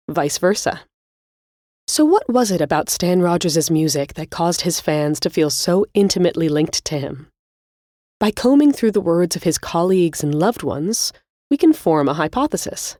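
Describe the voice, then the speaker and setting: A podcast host narrates in a slightly low, softly mellow woman's voice, delivering a scripted, measured explanation much like a spoken essay. The recording is close and dry.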